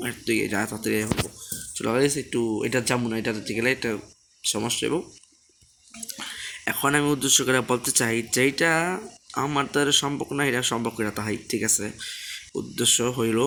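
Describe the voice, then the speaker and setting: A man rattles through casual gameplay commentary at a quick clip. He keeps his voice deliberately soft and circles back again and again to asking viewers to subscribe. A faint hiss of noise sits under the recording. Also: mid-range voice. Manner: talks softly on purpose. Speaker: gaming channel host.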